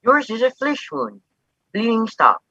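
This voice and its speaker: An anxious, protective grandson, played by an actor, with a bright, husky voice that rises and falls a lot as he pleads. The sound is dull and dry, with no room at all around it. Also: very high-pitched, very animated, a little slow, no echo, full character voice. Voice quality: urgent, pleading. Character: worried young adult grandson, anxious and protective. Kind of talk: live-streamed stage play.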